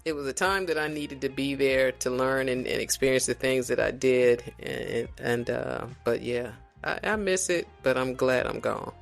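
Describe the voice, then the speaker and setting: A man from South Carolina chats casually as a podcast guest, his mid-pitched voice carrying a gravelly rasp. He talks reflectively and without hurry, often backing up to restart his sentences, with faint music under him. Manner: reflective, unhurried, with frequent restarts. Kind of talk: casual conversation.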